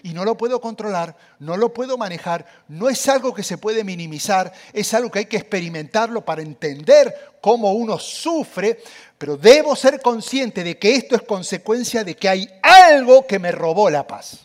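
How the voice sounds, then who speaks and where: A man's voice: high voice, animated, moderate pace. A man preaching a sermon, speaking animatedly and addressing the audience directly.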